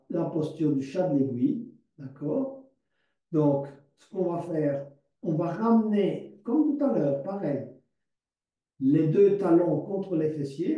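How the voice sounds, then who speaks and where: A man's voice: on the high side, lo-fi sound. Man guiding yoga in an echoey room. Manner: calm step-by-step cueing, repeats words slowly. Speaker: yoga teacher. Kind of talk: guided yoga instruction. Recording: distant mic in a very echoey room.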